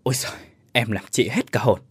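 A man's voice: medium pitch, fairly quick, fairly bright tone, slightly rough, no room sound. A man voicing a frightened young woman who speaks in anxious, breathless questions, in a ghost story. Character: frightened young woman seeing her dead father.

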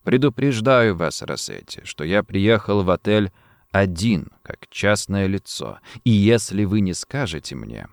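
A cold, unhurried detective, his voice dropped low and soft with quiet menace, as a male audiobook reader puts him on. The delivery is slow and measured, with a lively rise and fall. The recording is dry and close. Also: vocal fry, dry recording, full character voice. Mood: cold threat.

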